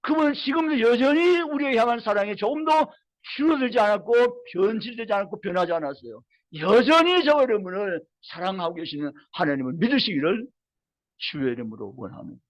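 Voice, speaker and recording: A male pastor in full sermon, with a high voice that swoops up and down as he drives home each point. He repeats key phrases with mounting emphasis and calls out to his listeners. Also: lively intonation, brisk. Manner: storytelling with acted quotes, rising emphatic appeals.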